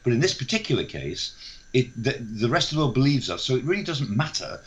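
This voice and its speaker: A man's voice: medium pitch, very animated, brisk, dull audio. An older man with a British accent giving spontaneous expert analysis on the news, explaining his points emphatically. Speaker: defence expert guest, professor.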